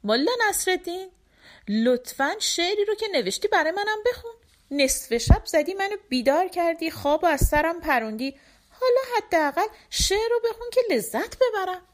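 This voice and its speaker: A woman's voice: very high voice, sing-song, pitched above the performer's own voice. A woman voicing a sleepy, put-upon village wife who talks in an anxious, pleading, complaining way.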